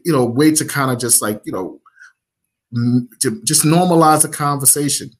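Guy from nigeria chatting about his app, lots of you-knows and restarts, middle pitch. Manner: many fillers, halting restarts. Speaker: app founder. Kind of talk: casual interview talk.

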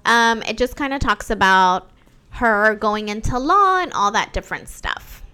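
A woman's voice: on the high side, expressive, unhurried, bright, forceful tone, clear, resonant tone. A woman co-hosting a real estate news show, chatting casually in a bubbly, emphatic way. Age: adult mother. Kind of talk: casual chat.

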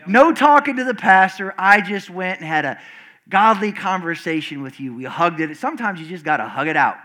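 A lively sermon comes from a pastor addressing his congregation at church, complete with call and response. He sounds loud and screechy, alternating between high, dramatic outbursts and low, quiet moments, and he restarts frequently.

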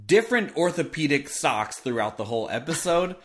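A man's voice: fairly high pitch, big pitch swings, brisk. A man co-hosting a podcast, chatting casually about a TV episode, amused, laughing often and making playful asides. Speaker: podcast co-host.

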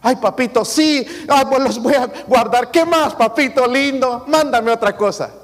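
A man's voice: very high voice, moderate pace, big-room sound, voice pushed up. A man voicing an overeager little child who fawns over a parent in a sugary, wheedling tone. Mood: fawning.

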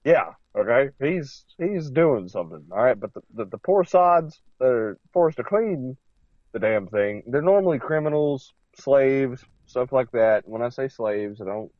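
A man's voice: medium pitch, expressive, unhurried, no room sound. A young man co-hosting a podcast in casual chat, rambling and crude, often restarting his sentences. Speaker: podcast co-host. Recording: dull lo-fi audio.

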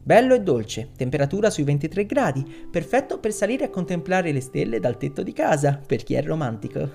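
A man voicing a cheerful radio weather announcer with a smooth delivery. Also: fairly high pitch, big pitch swings, a little fast, a little mellow, faint music behind.

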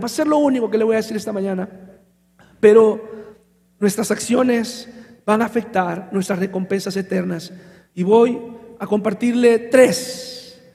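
A man's voice: very high-pitched, gravelly, darkish tone, long reverb tail. A male pastor, preaching and telling a story animatedly, calling listeners brother. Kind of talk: sermon with storytelling. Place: church.

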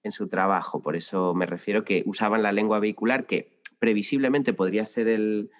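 Recorded lo-fi with a long reverb, a man talks in a podcast interview about his experience teaching Spanish, reflective and full of anecdotes, often restarting his sentences. He speaks a little fast, in a fairly low pitch with fairly even intonation.

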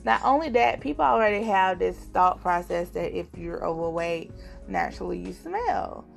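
A young woman speaks straight to her viewers in a candid personal vlog, earnest and confiding. Her voice carries a heavy, gravelly vocal fry. Soft music sits faintly underneath. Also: on the low side, animated, normal speed. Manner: earnest, confiding, addresses viewers directly as y'all. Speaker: vlogger.

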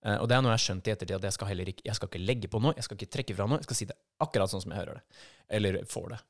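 A man's voice: lowish voice, no echo, clean studio sound. A Norwegian man co-hosting a podcast, telling a personal story in a casual, vivid way and acting out the voices of people in it. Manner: vivid, acts out quoted voices in his story. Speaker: podcast co-host.

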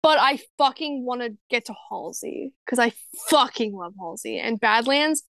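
Young female co-host, gravelly fry, blunt and sweary, restarts her sentences, close dry mic. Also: a little high, animated, moderate pace, a bit bright, no room sound. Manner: emphatic, swears freely, trails off and restarts. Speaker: podcast co-host. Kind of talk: casual chat about music.

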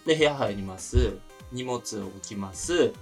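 A man casually chatting as a podcast co-host, telling rambling stories and laughing often, saying he feels low-energy today. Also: lively intonation, unhurried, faint music behind. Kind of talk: casual chat.

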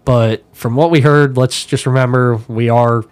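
A man's voice: mid-range voice, moderate pace, clear, resonant tone, no echo. A man, an airline pilot and podcast guest, telling stories in casual chat, acting out the lines of the people he quotes and laughing often. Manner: animated storyteller, acts out quotes, laughs often.

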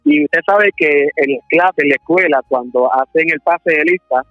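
Puerto Rican male caller in his 30s, higher voice, muffled dry phone line. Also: normal speed, dry recording, soft background music. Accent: Puerto Rican Spanish. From Puerto Rico. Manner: friendly storytelling, laughs often. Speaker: phone-in guest preacher. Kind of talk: phone interview testimony.

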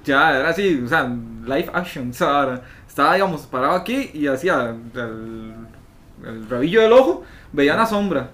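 A young Costa Rican man tells an anecdote with plenty of slang and swearing, drawing his listeners in. His voice sits a bit high for a man. It is relaxed podcast banter among friends. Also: moderate pace. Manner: animated storyteller, swears freely, slangy. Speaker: podcast co-host. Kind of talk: casual chat, storytelling.

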